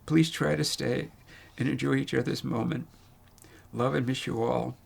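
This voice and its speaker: An American man in his seventies reading a prepared, personal farewell eulogy in a tender, faltering way, with a gravelly, husky voice. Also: medium pitch, fairly even intonation, normal speed. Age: 70s. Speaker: speaker reading his own farewell funeral speech.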